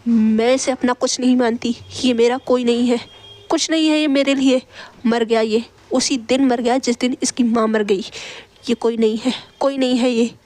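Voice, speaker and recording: A woman's voice: a little high, steady tone, moderate pace, darkish tone, lightly acted. A woman voicing a cold, angry middle-aged aunt who harshly repeats herself in a story reading. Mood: bitter. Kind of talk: storytelling role voice.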